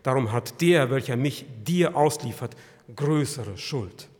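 A man voicing a calm, solemn male religious teacher who speaks in slow, measured words. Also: medium pitch, lightly acted. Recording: long hall reverb.

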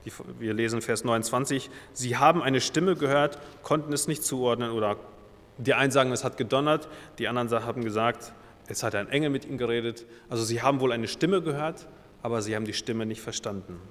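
German preacher in a reverberant hall. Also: male voice, mid-range voice, brisk, fairly bright tone. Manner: paraphrases scripture in casual everyday words; reads Bible verses aloud, then explains them. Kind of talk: sermon.

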